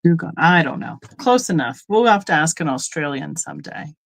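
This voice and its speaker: In a casual live-stream selling chat, a middle-aged woman from Colorado, United States, talks chattily with rambling asides, frequent ums and laughs. She has a low, animated voice with vocal fry and speaks at normal speed.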